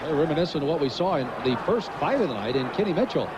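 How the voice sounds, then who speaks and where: A man with a fairly high voice gives live boxing play-by-play. The ringside broadcast sounds muffled, with loud noise all around him. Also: animated, rapid-fire. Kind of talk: live sports commentary.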